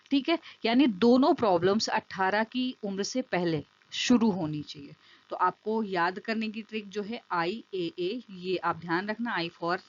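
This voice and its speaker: A woman teaching special education through an online exam-prep lecture over slides. She explains step by step, repeats key terms and keeps checking that the listener follows. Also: medium pitch. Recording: dull lo-fi dry recording.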